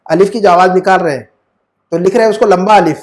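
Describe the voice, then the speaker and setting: A man teaching Arabic grammar in a one-on-one online lesson, patient, checking often that his student follows. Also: high voice. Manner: patient, asks frequent check questions. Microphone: video call.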